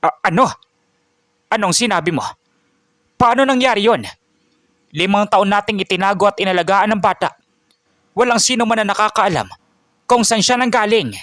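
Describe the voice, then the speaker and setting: A man's voice: high-pitched, normal speed, pauses often, pushed and bright, no echo, clean studio sound, pitched above the performer's own voice. A man voicing a worried but wise old grandfather in a storybook narration. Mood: alarmed. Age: older. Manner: earnest, pleading, rising in alarm.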